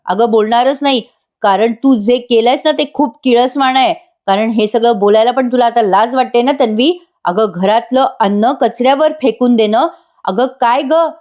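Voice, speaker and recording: A woman's voice: high-pitched, voice pushed up, natural voice. A woman voicing an angry young husband who scolds and warns his wife, read as part of a voice-over review. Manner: scolding, warning. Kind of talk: voice-over review re-enacting serial dialogue.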